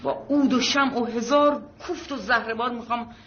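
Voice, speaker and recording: A woman's voice: on the high side, highs cut off, lightly acted. An actress playing an irritable, snobbish middle-aged mother who complains sharply. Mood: irritated. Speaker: mother of the family. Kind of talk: comedy film acting.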